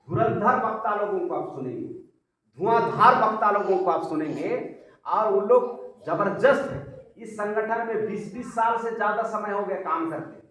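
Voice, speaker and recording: A high-voiced man addresses local people in a rousing public speech, posing questions and answering them himself. He sounds distant from the mic, with a heavy echo around his voice. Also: fairly bright tone. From central India. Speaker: community organizer. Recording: echoey, from far off the mic.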